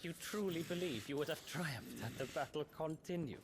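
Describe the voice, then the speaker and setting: An actor playing a cold, silky, manipulative schemer in a video game, measured and quietly mocking. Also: male voice, a little high, animated, a loud crowd, natural voice. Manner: measured, taunting, near-whispering at times. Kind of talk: video game cutscene acting. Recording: game music behind the voice.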